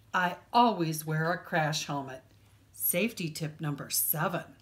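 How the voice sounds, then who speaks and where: Expressive and storytelling-minded, a low-voiced woman reads a picture book to kids in her role as a librarian. She deliberately dramatizes the key words.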